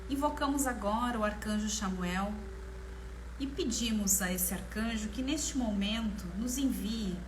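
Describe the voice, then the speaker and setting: Woman, Brazilian Portuguese accent, guided meditation, slow soothing delivery, mid-pitched, long pauses, clear background noise. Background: ambient meditation music.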